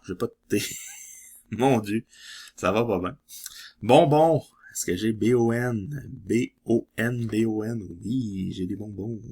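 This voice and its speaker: A man's voice: on the low side, vocal fry, darkish tone, slightly rough. A man with a Québécois French accent chatting casually as he scratches lottery tickets, reading letters aloud and laughing often.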